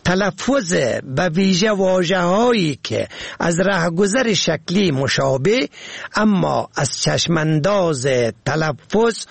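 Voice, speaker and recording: A man reading a pronunciation lesson on radio, slow and deliberate, spelling words out letter by letter. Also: fairly high pitch, vocal fry, husky, no room sound.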